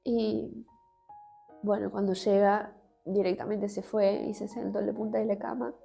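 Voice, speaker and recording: A woman with an Argentine accent gives an emotional personal testimony in an interview. She speaks haltingly, with many restarts and fillers. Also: mid-range voice, little pitch movement, gravelly, mellow, faint music behind. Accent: Argentine Spanish.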